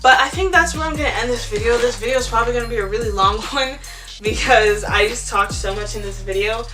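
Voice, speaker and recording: A teenage girl talks to her camera in a loose, rambling vlog, filling her sentences with "like" and squealing little "ew"s. Her voice sits a bit high. A music track plays clearly beneath her. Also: quick pace. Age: teens. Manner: chatty, rambling, lots of "like" and "ew". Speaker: vlogger. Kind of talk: casual chat to camera. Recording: music playing under the voice.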